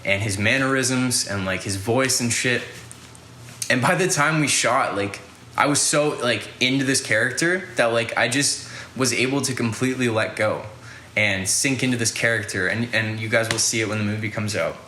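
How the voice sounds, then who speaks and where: A man's voice: mid-range voice, normal speed, bright, forceful tone, roomy sound, slight background noise. A young man hosting a podcast, telling a casual story in a rambling way, full of fillers and swearing. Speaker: podcast host.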